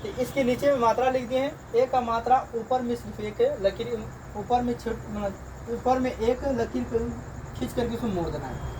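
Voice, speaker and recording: A man, a teacher slowly drilling beginners through letters and sounds in a reading lesson, repeating each one. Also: very high voice. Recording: distant mic, loud crickets and traffic.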